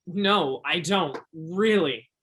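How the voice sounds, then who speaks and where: In a stage play, an actor portrays an earnest, curious twenty-two-year-old from the backwoods, gentle and simple in manner. The voice is medium-pitched, slightly rough and slow, with a reassuring mood.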